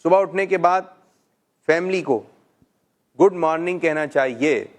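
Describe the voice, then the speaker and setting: Gentle coaxing male kids' show host. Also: on the high side. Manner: gentle, coaxing questions, frequent "mashallah". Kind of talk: teaching children, live call-in show.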